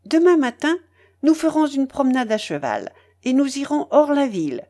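A woman voicing an imperious, mocking young aristocrat in a read-aloud novel, higher and brighter than her narration. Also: big pitch swings, normal speed. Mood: coaxing. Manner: commanding, mocking, playful.

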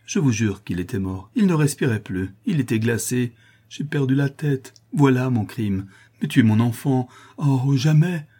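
A panicked young daughter, raised and breathy, put on by a man reading aloud. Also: animated, moderate pace, dark tone. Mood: desperate. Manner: high, breathy, desperate cries. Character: terrified young woman, the father's daughter.

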